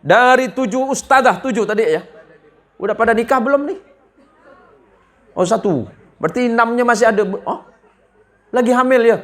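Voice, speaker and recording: Speaking at normal speed with long pauses, this Indonesian man has an extremely high voice with a fairly bright tone. His sermon to a village gathering is funny, full of jokes, and he voices the characters in his stories himself.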